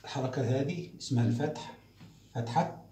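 A man, teaching the alphabet to first graders in a slow, repetitive drilling style. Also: mid-range voice, warm tone, slight background noise. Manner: slow, drawn-out syllables and repeated drills. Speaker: primary school teacher. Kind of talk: recorded classroom lesson for young children. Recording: echoey room, voice off-mic.

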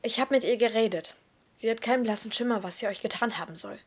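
A woman's voice: fairly high pitch, fast, slightly rough. A woman reading the lines of a hurt teenage boy who pleads and grows upset, his voice rising. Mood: pressing. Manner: emotional, voice rising when upset.

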